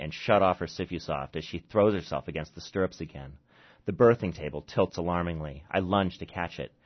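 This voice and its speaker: A man, an author, reads his own short story aloud and chats haltingly with fillers between readings, in a dull lo-fi recording. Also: sits low. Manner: halting, with fillers, when chatting.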